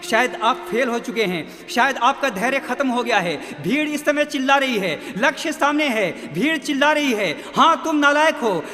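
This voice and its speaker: A man's voice: very high voice, pushed and bright, long reverb tail. A male preacher delivering a dramatic storytelling sermon, often calling out to his listeners. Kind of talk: recorded radio-style sermon.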